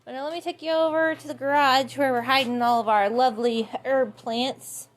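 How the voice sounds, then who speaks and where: A woman's voice: high-pitched, fairly even intonation, normal speed. A woman working at a florist, chatting casually as she walks through the shop showing plants, rambling a little with lots of fillers. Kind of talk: casual walkthrough video. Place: flower shop and garage.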